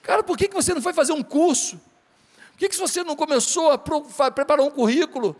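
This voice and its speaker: A high-pitched man preaches a sermon, slipping into little acted exchanges with his flock and rising into fervent calls to action. His voice rings with the long reverb of a church hall. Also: quick pace. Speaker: pastor.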